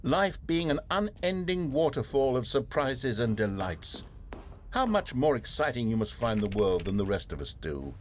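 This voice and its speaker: A theatrical game narrator, played by a man, swinging widely in pitch as he addresses the player. He is condescending and wheedling, with a villain's smooth menace beneath his dramatic storytelling. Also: sing-song, normal speed, a little hiss or hum, lightly acted. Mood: mock sorrow.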